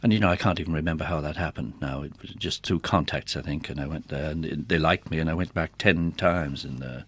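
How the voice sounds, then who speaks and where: With a very deep, husky voice and a fairly quick delivery, a middle-aged man chats as an interview guest about his years working as a theatre organist, in a relaxed, reminiscing way.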